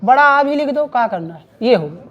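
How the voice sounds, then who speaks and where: A woman's voice: fairly high pitch, expressive, brisk, highs cut off. A woman teacher giving a Hindi grammar lecture in a classroom, repeatedly quizzing her students and having them call back answers.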